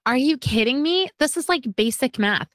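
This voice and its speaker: A woman's voice: high-pitched, lively intonation, moderate pace, fairly bright tone, dry recording. A homeschooling mother in her forties chatting casually, talkative and self-deprecating, laughing at herself. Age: 40s. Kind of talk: casual podcast chat.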